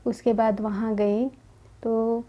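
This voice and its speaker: A young woman giving a gentle personal testimony about her spiritual path, quoting conversations in her own voice. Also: fairly high pitch, level tone, slow pace, lo-fi sound. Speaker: spiritual community member sharing her experience.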